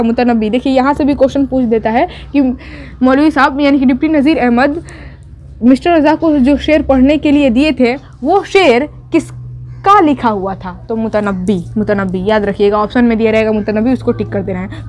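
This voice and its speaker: A woman's voice: high-pitched, darkish tone. A young woman teacher who retells a story for her students, voicing its characters' lines and adding exam tips.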